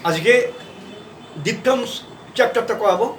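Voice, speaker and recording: A man teaching a shorthand class, repeating words slowly and spelling out their letters. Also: very high-pitched. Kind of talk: classroom lesson. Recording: roomy, distant, faint background noise.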